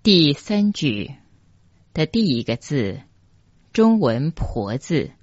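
A teacher with a Taiwanese Mandarin accent talks at an unhurried, very slow pace, with a voice that rises and falls a lot. Each syllable is spelled out and repeated with care. The recording is dry and dull, with a lo-fi sound. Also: medium pitch, sing-song, slightly rough, no room sound. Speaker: teacher of mantra pronunciation. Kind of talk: slow step-by-step pronunciation lesson.

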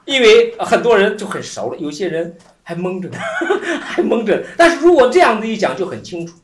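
Speaking quickly in an echoing, roomy space with a faint hiss or hum, this animated teacher of Buddhist scripture rambles through an explanatory lecture. His mid-pitched voice rises and falls, repeating phrases and chuckling easily.

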